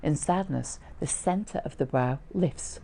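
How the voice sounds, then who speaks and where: A woman's voice: deep voice, slow pace, vocal fry, warm tone, husky. A middle-aged woman presenting an informal lesson to camera, explaining things in a conversational way. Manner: explanatory, conversational, with short illustrative asides. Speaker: trainer teaching how to read facial expressions. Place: small indoor room, seated.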